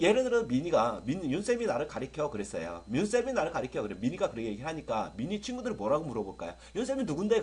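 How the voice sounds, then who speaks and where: Lively husky male grammar teacher. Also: mid-range voice. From South Korea. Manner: lively, keeps asking students if they follow. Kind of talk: lecture to students.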